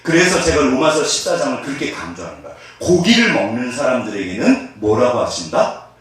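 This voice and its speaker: Animated male pastor preaching in an echoey church. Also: mid-range voice, brisk. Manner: animated, asks the congregation questions. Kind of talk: sermon. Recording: echoey room from far off.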